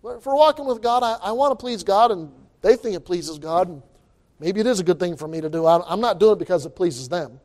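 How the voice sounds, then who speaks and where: A man preaching a sermon as pastor into a pulpit microphone, emphatic and repeating his words as he builds to loud exclamations. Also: high voice, expressive, brisk.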